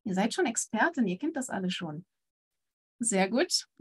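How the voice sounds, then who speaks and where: Female language teacher, fairly high voice, upbeat and praising, mixes German and English. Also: lively intonation, moderate pace, slightly rough. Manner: encouraging, switches between German and English explanations. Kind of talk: online language lesson with quiz.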